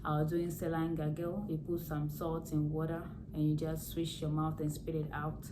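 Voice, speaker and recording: Here a hoarse woman with a low voice, a nurse vlogger, talks at normal speed about caring for someone at home. It's a relaxed health advice vlog filmed to camera, with steady hiss underneath, and she keeps things plain, repeating key words to reinforce what matters.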